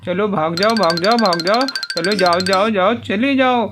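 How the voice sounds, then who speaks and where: A man narrating a toy play story for children in an animated, coaxing way, with lots of exclamations. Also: high-pitched, a little slow, music in the background.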